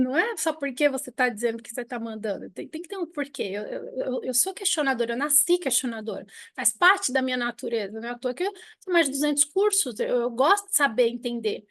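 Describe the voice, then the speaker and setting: A Brazilian woman in her forties with a Brazilian Portuguese accent, teaching a live online lesson with personal stories and an animated, talkative manner. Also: high-pitched, a little fast, no room sound, studio quality. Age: 40s. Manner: animated, talkative, frequent restarts and laughs.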